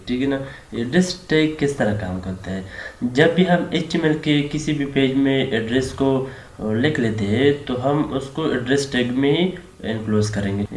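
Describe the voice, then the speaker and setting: A man with a Pakistani Urdu accent explains a coding lesson step by step, often checking in with the listener. His voice sits at an ordinary middle pitch. It carries the echo of a hard room over a faint hiss, with keyboard typing and mouse clicks behind. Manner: repeats "theek hai na" as a tag, steady explaining. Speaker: programming tutor. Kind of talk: screen-recorded coding lesson.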